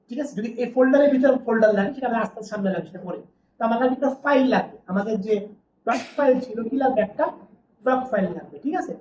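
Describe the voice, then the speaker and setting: A woman with a higher-pitched voice gives a classroom lecture, regularly asking the class something and then answering it herself. There's background noise, and the recording sounds distant, dull, and roomy.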